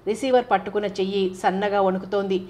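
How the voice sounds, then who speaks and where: A woman narrating a novel as an audiobook reader, in steady, even storytelling. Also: medium pitch, quick pace.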